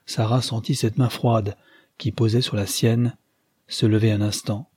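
A man narrating a classic novel in a measured, solemn audiobook reading. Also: lowish voice, little pitch movement, dark tone, husky, no echo, clean studio sound.

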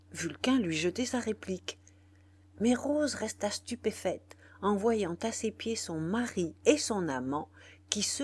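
A woman narrating a classic novel in a measured, expressive reading style. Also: mid-range voice, slightly rough. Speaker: audiobook narrator. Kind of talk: scripted literary narration.

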